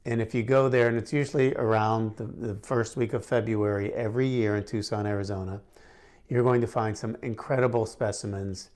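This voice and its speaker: This is a middle-aged man hosting a relaxed question-and-answer session on gemstones, talking to camera. His voice is lowish and darkish, his tone steady, and he speaks a little fast, chatting amiably with frequent fillers and false starts.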